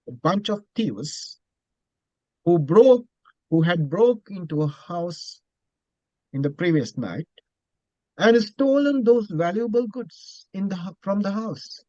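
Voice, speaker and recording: A man, a Buddhist monk teacher, telling a story in a dharma talk, speaking slowly and deliberately and repeating phrases. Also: high voice, a little mellow, dry recording, lo-fi sound.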